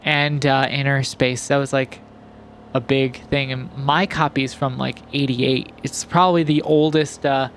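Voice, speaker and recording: Slow, rambling young man chatting. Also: medium pitch, little pitch movement, slight background noise. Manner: rambling, many fillers and restarts. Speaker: gaming commentator. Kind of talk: casual chill commentary over gameplay. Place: home, recorded in post.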